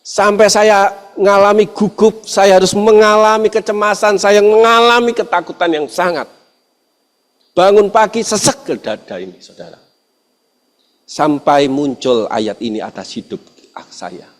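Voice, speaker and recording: Male pastor, higher-pitched voice, story-driven preaching, long hall reverb. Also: a little slow. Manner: addresses the congregation often, shifts between lively and hushed. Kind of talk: storytelling sermon.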